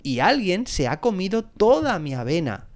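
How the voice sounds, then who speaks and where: A small bear cub from a bedtime story, whimpering and complaining, put on by a male narrator. His voice sits raised and lively. It is playful storybook voicing. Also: high-pitched, moderate pace, voice pushed up. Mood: whining. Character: little bear cub, whiny and upset.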